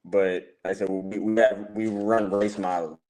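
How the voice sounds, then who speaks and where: Male track coach, deep and monotone, heard over a call with dropping stream quality. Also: rough recording. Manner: halting, repeats words while explaining. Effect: call audio breaking up with dropouts. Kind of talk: remote interview answers. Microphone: video call.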